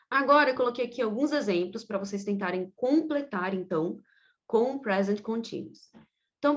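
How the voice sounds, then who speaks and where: Uma professora de inglês brasileira dando uma aula de gramática online com calma e paciência. Ela soletra letras e repete exemplos devagar. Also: female voice, on the high side, lo-fi sound. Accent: Brazilian Portuguese. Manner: patient, explanatory, spells out letters and repeats examples slowly. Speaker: English teacher. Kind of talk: online grammar lesson.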